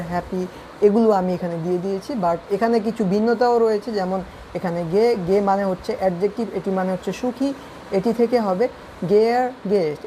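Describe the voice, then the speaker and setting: A woman's voice: medium pitch, mellow, a little hiss or hum, low-quality recording. A woman with a Bangladeshi accent teaching an English grammar lesson online, explaining step by step to her students.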